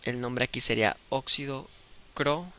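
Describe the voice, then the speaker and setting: A man's voice: medium pitch, normal speed, sharp tone, smooth. A man teaching a chemistry lesson, explaining step by step in a patient way and checking often that the students follow. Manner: patient, checks understanding with "¿de acuerdo?".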